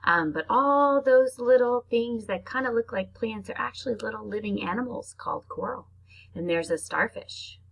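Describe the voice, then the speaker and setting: Reading to her pupils, a husky-voiced woman teacher keeps her explanations simple and child-directed, pairing slow, careful reading with chatty asides in this read-aloud lesson. Her pitch is fairly high, her tone fairly bright, and the recording rough.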